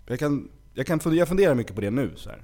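A man who is a guest actor on a casual podcast, a father of small children talking frankly and getting animated when he jokes. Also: medium pitch. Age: adult with small children. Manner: frank, animated when joking, breaks into sing-song.

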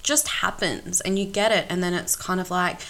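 A woman's voice: lowish voice, fairly even intonation, moderate pace, vocal fry, fairly bright tone. A young woman from Australia co-hosting a podcast, rambling in casual chat with lots of filler words. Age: young adult. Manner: rambling, many fillers like "like" and "look". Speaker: podcast co-host.

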